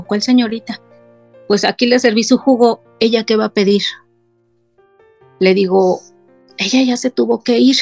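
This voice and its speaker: A middle-aged woman tells a deeply personal family story as an interview guest. Her voice has a rough, gravelly texture, and she brings each scene to life by voicing what her relatives said. Soft music plays faintly behind her. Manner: retells scenes by quoting family in her own voice.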